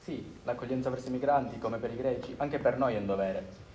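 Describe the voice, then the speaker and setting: A young man, a student, reading a prepared answer in an earnest, steady way. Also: mid-range voice, a little fast, a crowd in the background. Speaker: student interviewee. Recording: roomy with faint background noise.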